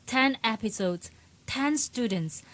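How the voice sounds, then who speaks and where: A woman's voice: a little high, animated, takes it slowly, a bit bright. Young woman from Malaysia hosting radio. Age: young adult. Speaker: radio host.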